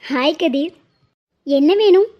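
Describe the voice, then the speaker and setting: A woman's voice: high voice, takes it slowly. A woman voicing a polite young office worker in a cartoon, matter-of-fact in tone. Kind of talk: cartoon voice acting. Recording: dull lo-fi audio.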